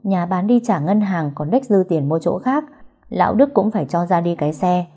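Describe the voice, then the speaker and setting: A woman voicing a young female friend in an audio story, who gossips bluntly and teases. The tone is dark and mellow, slightly husky. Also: lowish voice, expressive, moderate pace. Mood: gossipy.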